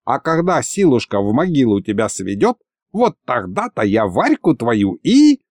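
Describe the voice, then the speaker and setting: A man's voice: medium pitch, huge pitch swings, normal speed, a little mellow, dry recording, studio quality. A man voicing an ancient, sly, lecherous sorcerer with a pompous, gloating manner.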